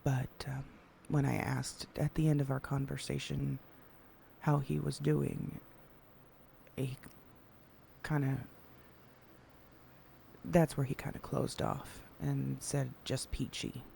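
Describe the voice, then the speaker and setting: A man in an in-character roleplay conversation, speaking in a measured way and sometimes dropping to a hushed whisper. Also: medium pitch, little pitch movement, vocal fry, a little hiss or hum. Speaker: roleplay player.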